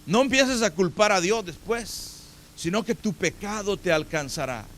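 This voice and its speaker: A man's voice: sits high, animated, normal speed, fairly bright tone, slight background noise. A man preaching a sermon in a church, speaking emphatically and putting direct questions to his congregation. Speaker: pastor. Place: church sanctuary.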